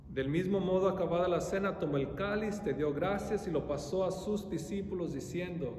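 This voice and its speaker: A male priest with a higher-pitched, darkish voice prays in an echoing church, reciting a solemn liturgy in measured, formal ritual phrasing. The large, reverberant interior gives the recording an echoey hall sound with a faint low rumble.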